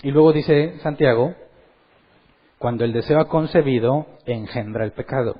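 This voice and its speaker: A man gives a Bible teaching in a sermon style. His voice is husky, at an ordinary pitch for a man. He often questions his listeners and acts out quotes, and the recording sounds a little dull and lo-fi. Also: moderate pace. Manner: animated, asks the audience questions and acts out quotes. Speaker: pastor teaching a Bible study.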